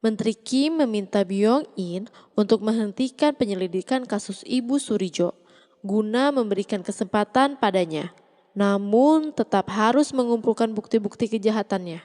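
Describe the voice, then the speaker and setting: A woman narrates a scripted drama recap in a mellow, middle-pitched voice. Her timbre is rounded and relaxed rather than bright. The voice rings with long reverb, as if in a hall. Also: moderate pace, soft background music.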